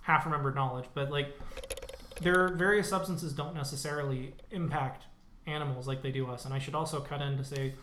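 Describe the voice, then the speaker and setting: A man's voice: a little high, fairly even intonation, fairly bright tone, roomy sound, slight background noise. A man chatting casually on a podcast, swearing and rambling through half-remembered facts, with a chesty cough. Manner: quick, profane, speculative rambling. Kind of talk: casual chat.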